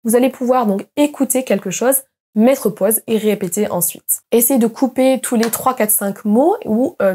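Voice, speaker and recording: A young woman giving an online pronunciation lesson as an English teacher, explaining patiently and slowly modeling example words. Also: on the high side, dark tone, husky.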